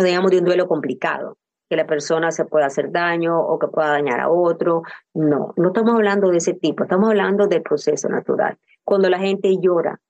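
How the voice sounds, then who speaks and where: Earnest older woman, low mellow voice. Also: highs cut off. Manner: earnest, personal, uses rhetorical questions. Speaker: grief counselor. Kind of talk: reflective interview talk.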